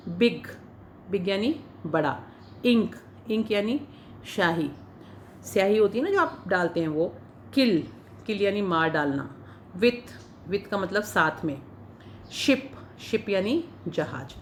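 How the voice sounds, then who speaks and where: A woman's voice: medium pitch, slight background noise. Patient woman teaching English pronunciation. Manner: patient, repeats each word then gives its meaning. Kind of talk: spoken English lesson for Hindi speakers.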